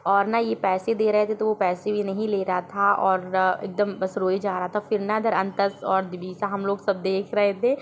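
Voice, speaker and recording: A woman's voice: mid-range voice, level tone, normal speed, few pauses, a little hiss or hum. A woman and mother narrating her family's day in a casual, chatty vlog voice-over. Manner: chatty, storytelling about family life.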